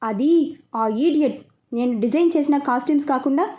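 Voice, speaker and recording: A woman's voice: high-pitched, moderate pace, mellow, lightly acted. A woman voicing an arrogant, hot-tempered young fashion designer who talks in a bossy, snapping, scornful way in a storybook reading. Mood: angry, bossy.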